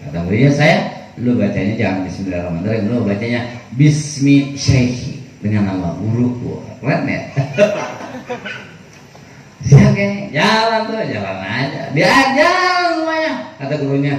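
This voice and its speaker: A man's voice: medium pitch, lively intonation, moderate pace, a little mellow. A man teaching a religious study, telling stories in casual slang-filled talk. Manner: casual storytelling with Betawi slang. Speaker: kiai teaching a kitab study. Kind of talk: sermon. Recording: echoey room from far off, faint noise.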